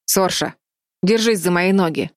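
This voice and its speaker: A woman's voice: fairly low pitch, a little slow, dry recording, clean studio sound, natural voice. Woman reading a straining young man. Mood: strained. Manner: strained, effortful.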